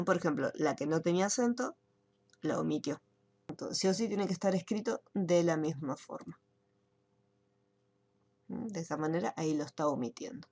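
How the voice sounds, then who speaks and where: Woman, online software instructor; patient step-by-step delivery, gravelly edge. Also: lowish voice. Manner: explains step by step, checks in with students. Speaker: computer course teacher. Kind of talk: screen-share software tutorial.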